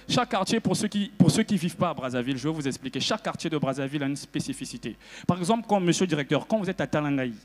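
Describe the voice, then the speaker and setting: High-voiced Congolese stand-up comedian. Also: male voice, long reverb tail. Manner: animated, jumps into loud shouted character bits. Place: festival stage before a live audience.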